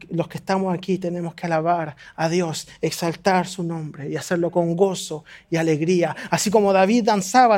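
A man preaching a sermon, fervent and exhorting, his voice climbing high on points of emphasis. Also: darkish tone.

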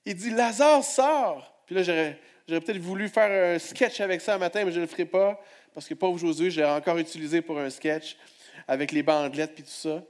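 Pastor, soft to booming. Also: male voice, steady tone, brisk. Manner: swings from hushed prayer to loud exclamations; calls on the congregation to respond. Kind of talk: sermon.

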